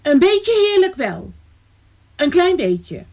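A woman's voice: high voice, sing-song, a little slow, a little mellow, voice pushed up, exaggerated voice. A woman voicing a timid little girl with a small, frightened voice.

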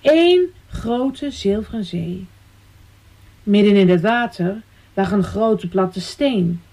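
A woman reading a children's storybook aloud in a soft, lilting manner. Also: mid-range voice, lively intonation, slow.

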